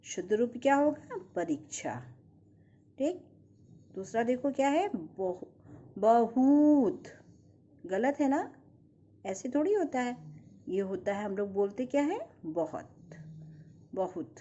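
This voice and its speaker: Woman teacher going slow over a lesson, husky mellow voice, kinda lo-fi muffled sound. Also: fairly high pitch, very animated. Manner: slow, patient, asks and answers her own questions. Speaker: primary school Hindi teacher. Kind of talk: recorded class lesson.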